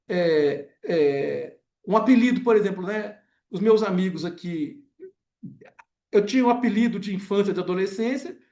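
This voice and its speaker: A man with a Brazilian accent giving an academic lecture, pausing often and filling gaps with short filler words and tag questions. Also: high voice, darkish tone.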